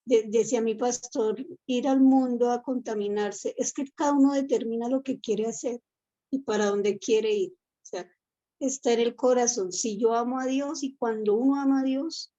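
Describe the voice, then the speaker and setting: A woman's voice: on the high side, dark tone, dull audio. A woman from the congregation giving a casual testimony, chatty and laughing between thoughts. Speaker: congregation member. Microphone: online meeting.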